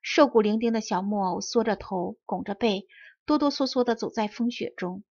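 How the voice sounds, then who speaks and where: Clear-voiced woman reading a children's tale. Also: medium pitch, normal speed, darkish tone, no echo, lo-fi sound. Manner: clear, well-enunciated. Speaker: storybook reader. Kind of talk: expressive children's story narration.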